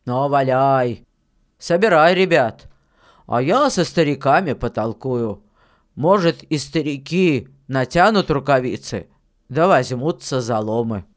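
A gruff old village miller scolds in a slow, weighty storybook voice, as a reader puts him on. He speaks sternly and louder than the surrounding narration, with a grumbling sternness that stays steady. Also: mid-range voice, voice pushed down, close to an everyday voice. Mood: gruff teasing. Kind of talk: audiobook reading of a fairy tale.

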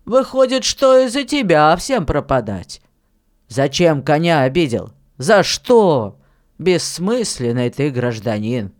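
A reader voicing a stern, grumbling old village miller in an audiobook reading of a fairy tale, speaking louder and more forcefully than the narration. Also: medium pitch, sing-song, takes it slowly. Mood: stern scolding.

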